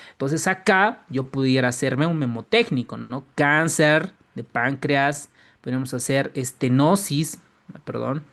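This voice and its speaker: A man giving an online medical exam-prep lecture. He repeats key terms and tags his lines with quick checks for agreement. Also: mid-range voice. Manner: lively, emphatic rises on key terms.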